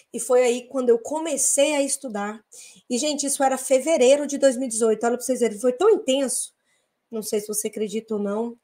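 A woman from Brazil hosting a casual live talk to her followers, blunt and emphatic, swinging between loud outbursts and quiet asides. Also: on the high side. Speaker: host of a live business talk.

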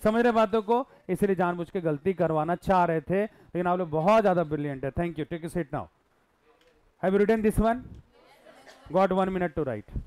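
A man's voice: high voice, measured pace, a little mellow, clean tone. A male teacher giving a live classroom lesson, questioning and coaxing his students while mixing Hindi and English.

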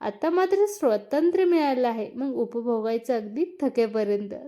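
A woman's voice: a little high, normal speed, warm tone, natural voice. A woman voicing a teasing, eager young husband, playful and insistent, in a read-aloud story.

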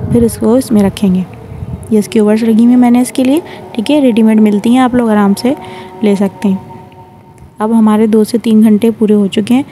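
A woman with a warm, medium-pitched voice narrates a home cooking recipe tutorial for her cooking channel, chatting viewers through every step and often checking in with "theek hai." There is slight background noise.

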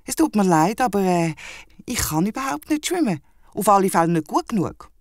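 A man with a Swiss German accent voicing an eager, cheeky male wombat in a children's audio drama, in a high, bouncy voice. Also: big pitch swings, fairly quick, dry recording, clean studio sound. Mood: apologetic.

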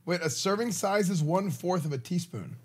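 Male streamer, thirties, expressive self-deprecating banter, very wide pitch swings. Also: moderate pace, heavy background noise. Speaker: livestreamer. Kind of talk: casual livestream banter. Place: indoor room at home. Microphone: streaming mic on boom arm.

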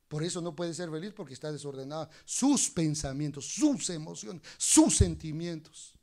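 A man preaching a sermon in church, animated, moving between soft asides and loud exclamations, sometimes speaking fast. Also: on the high side. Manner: talks fast at times.

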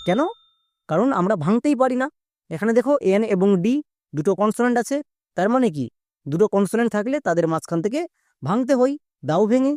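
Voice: mid-range voice, warm tone, dry recording, clean studio sound. A teacher giving a spoken lesson on breaking long words into parts for pronunciation. The teacher explains step by step and keeps checking that the listener is following. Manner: instructive, repeats steps and quizzes the viewer.

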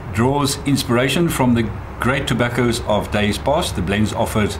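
A man's voice: fairly low pitch, noisy background. Man talking around a pipe. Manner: halting, many fillers and restarts. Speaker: pipe tobacco reviewer. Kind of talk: casual spoken review. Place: outdoor porch.

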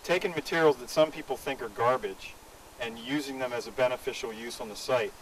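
A man's voice: medium pitch, fairly quick. Middle-aged man interviewing a guest outdoors, a bit far from the mic, faint hiss. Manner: friendly, inquisitive. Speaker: interviewer, technical director. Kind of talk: on-site interview. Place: outdoors at a recycling yard.

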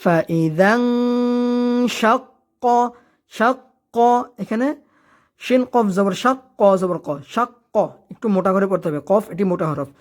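A woman teaching tajweed. She alternates rapid spoken explanations with slow, drawn-out chanted recitation of verses. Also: mid-range voice, animated.

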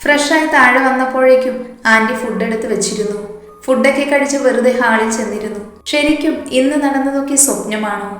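A woman reads a romantic story aloud in a fairly high voice. She speaks the characters' lines in her own voice too. The room around her is very echoey. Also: fairly quick, a bit bright, faint music behind. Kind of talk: scripted narration of a romantic story.

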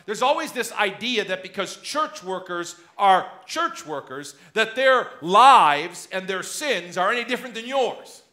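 A high, bright-toned man in his thirties preaches before the altar of a church sanctuary. His voice sits high for a man and rings with a forceful edge. He swings between loud emphasis and quiet drops as he gestures. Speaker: pastor. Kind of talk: sermon.

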